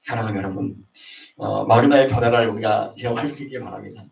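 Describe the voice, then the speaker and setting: A pastor with a lowish, gravelly voice talks quickly as he preaches to a young adults' service, acting out quarrels in raised voices. The online service audio from the church sanctuary sounds roomy, distant, and dull, with slight background noise.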